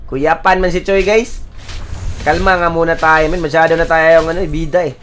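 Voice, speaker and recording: A young man giving excitable live commentary on his own gameplay, often shouting and laughing as he talks to teammates. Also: on the high side, normal speed, a little hiss or hum. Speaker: game streamer.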